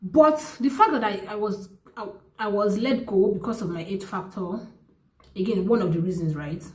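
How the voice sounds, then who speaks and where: A young woman with a Nigerian accent, telling a personal story to the camera in an earnest, animated way, restarting often and jumping up in pitch for emphasis. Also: normal speed. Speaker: vlogger. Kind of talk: casual storytelling. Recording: echoey room.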